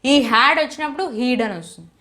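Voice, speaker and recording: A woman's voice: high-pitched, animated, brisk, bright, forceful tone. A woman with a Telugu accent teaching English in a methodical lesson, mixing Telugu and English and spelling out words letter by letter.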